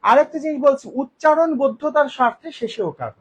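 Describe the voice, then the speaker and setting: A man teaching a spelling lesson for exam preparation, explaining patiently and repeating example sentences slowly. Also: extremely high pitch, lo-fi sound. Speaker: grammar teacher.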